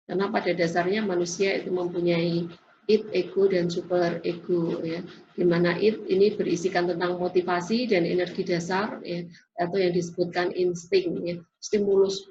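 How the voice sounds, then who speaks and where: A woman's voice: on the low side, little pitch movement, moderate pace, darkish tone, slight background noise. A woman giving a classroom lecture in an explanatory way, often tagging sentences with a questioning "ya". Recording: dull lo-fi recording.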